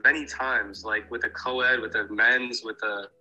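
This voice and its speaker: A man's voice: medium pitch, fairly even intonation, a little slow, bright, forceful tone, faint music behind. A nineteen-year-old man on a phone call, hesitant and puzzled, with many fillers. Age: young adult. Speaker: prank call target. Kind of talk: phone conversation.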